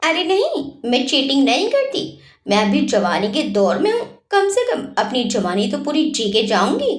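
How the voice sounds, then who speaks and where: A woman's voice: high voice, normal speed, echoey room. A woman voicing a chatty, teasing young woman in a narrated story. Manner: teasing, lively.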